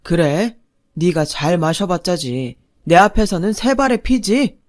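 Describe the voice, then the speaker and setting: A woman voicing a domineering, quick-tempered older father-in-law who barks orders at his family. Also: fairly low pitch, animated. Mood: taunting. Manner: barking orders, loud and bullying.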